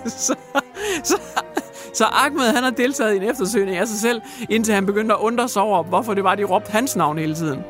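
High-voiced jokey male radio host. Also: over music. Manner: jokey, crude, theatrical retelling. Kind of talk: comic radio news chat.

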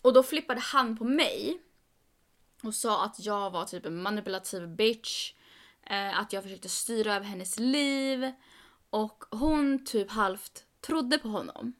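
A young woman co-hosting a podcast, telling a story in casual chat and quoting people with rising emphasis. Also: mid-range voice. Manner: animated, quoting others with "jag bara" and rising emphasis. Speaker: podcast co-host.

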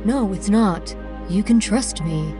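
A woman voicing a modest, gentle young male healer in a kids' story. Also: mid-range voice, animated, takes it slowly, over music. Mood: reassuring. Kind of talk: storybook podcast acting.

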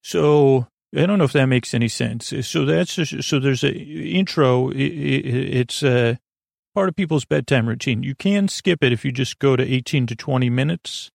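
On his bedtime podcast, the host speaks in a mid-range, creaky voice, wandering off on tangents and often stammering or starting over in a halting monologue. It's studio-quality audio without any room sound.

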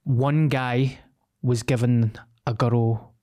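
A man's voice: mid-range voice, fairly even intonation, takes it slowly, darkish tone. A man with a Glaswegian accent, co-hosting a podcast and casually telling sweary anecdotes in slang, drawing the story out. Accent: Glaswegian Scottish. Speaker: podcast co-host.

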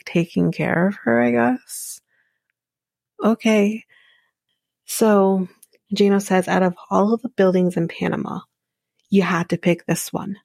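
Young woman podcast host with a slow, gravelly delivery, chatty and opinionated. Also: medium pitch, darkish tone, no echo. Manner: opinionated, chatty, frequent "like" and "um", laughs at her own asides. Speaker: podcast host recapping a reality show. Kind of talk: casual chat.

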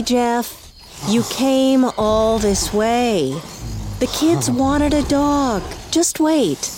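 An actress playing an eerie, knowing woodland neighbor in a horror audio drama, cryptic, unhurried and smugly untroubled. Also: female voice, a little high, background noise, heavily acted. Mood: soothing, ominous.

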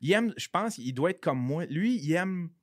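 A man's voice: a little high, lively intonation, moderate pace, no echo, clean studio sound. A man with a Québécois French accent, a podcast guest rambling in casual chat, swearing freely and slipping in English phrases.

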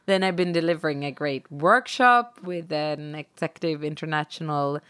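A woman from Sweden, slightly hoarse from a cold, co-hosting a podcast in upbeat casual chat. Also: low voice, moderate pace, fairly bright tone, no room sound. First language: Swedish. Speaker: podcast co-host. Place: in Stockholm, remote call.

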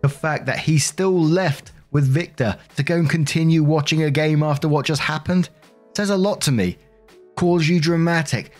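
A man reads forum posts aloud at an even, middle pitch. Between posts he gives blunt opinions in his own words. Faint music plays behind him. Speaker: story narrator. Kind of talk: reading Reddit stories with commentary.

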